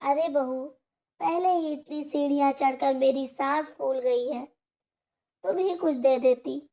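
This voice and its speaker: A woman voicing a gentle, trusting old mother. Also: high-pitched, unhurried. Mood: pleading.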